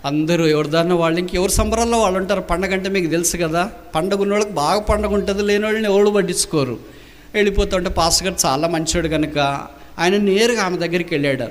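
A male preacher telling a story in an animated, colloquial sermon. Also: high voice, fast talker.

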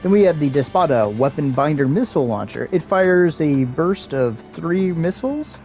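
A man hosting his gaming channel, giving relaxed, casual gameplay commentary with joking asides and the odd filler pause. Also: on the high side, faint music behind.

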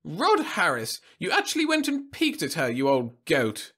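A man doing a loud, high, scornful old woman, haughty, snapping. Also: wildly swooping pitch, moderate pace, breathy edge, heavily acted. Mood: scolding. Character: haughty sharp-tongued old woman scientist.

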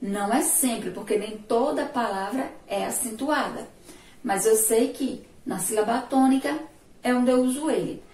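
A woman teacher with a Sergipe Brazilian accent, giving a remote lesson, stretching syllables slowly and praising her pupils' answers. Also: a little high, a little mellow. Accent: Sergipe Brazilian Portuguese. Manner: slow, drawn-out syllables, asks pupils questions and praises answers. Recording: echoey room, voice far from mic.

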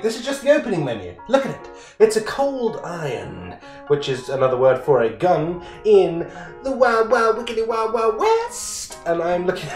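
A man's voice: fairly high pitch, darkish tone. A man doing casual let's-play commentary as a gaming YouTuber, hyped and playful and swearing casually. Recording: echoey room.

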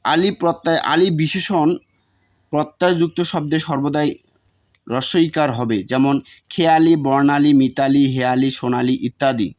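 Man reading exam notes, slightly high voice. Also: fairly even intonation, normal speed, a little mellow. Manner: reads lists of examples, repeating words to model pronunciation. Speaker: teacher.

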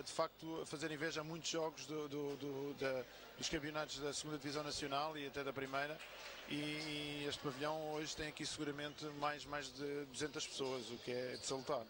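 A man with a European Portuguese accent giving live sports analysis as co-commentator, halting and repeating words as he thinks. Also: on the high side, little pitch movement. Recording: clear sports hall noise behind. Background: sports hall ambience, bouncing ball.

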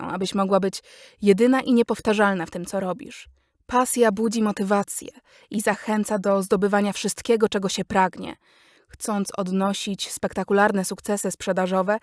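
A woman narrating a business guide audiobook in a measured, instructive way, addressing the listener directly. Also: mid-range voice, darkish tone, dry recording, clean studio sound.

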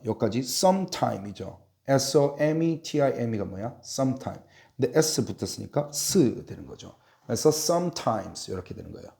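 A man's voice: medium pitch, vocal fry, warm tone. A man teaching English spelling in a classroom drill, spelling out letters one by one and asking and answering his own questions.

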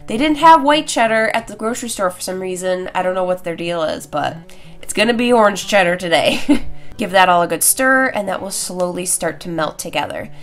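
A young adult woman hosts a casual cooking video in her home kitchen, chatting playfully through a recipe tutorial on a lapel mic with music behind her. Her fairly low, fairly bright voice is lively and fairly quick. A stuffed nose and sore throat give it a congested, honking nasal quality.

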